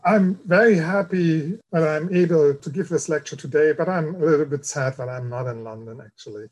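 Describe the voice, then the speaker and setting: A man with a German accent gives a formal academic lecture. His voice sits high for a man, and he speaks carefully and deliberately. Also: a little mellow, poor audio. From East Germany. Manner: careful, measured delivery. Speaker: guest lecturer.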